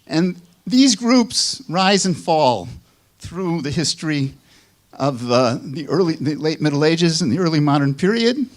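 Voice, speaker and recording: An older man lectures at an unhurried pace in a Chicago accent. His voice sits somewhat high for a man. He speaks in a measured way, stopping for small asides and restarts. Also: big pitch swings. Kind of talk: academic lecture. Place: lecture hall.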